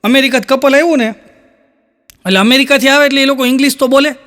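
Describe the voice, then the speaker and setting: On stage, a comedian speaking with a Kathiyawadi Gujarati accent delivers jokes at a quick pace. His voice is very high-pitched with a fairly bright tone, and he narrates his stories by piling up "he said" tags.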